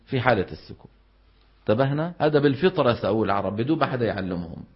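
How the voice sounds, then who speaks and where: A man's voice: mid-range voice, animated, rapid-fire. Male recitation teacher, lecturing a class with frequent questions to students; slightly muffled recording. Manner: explains step by step, keeps asking the class questions. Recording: dull lo-fi recording.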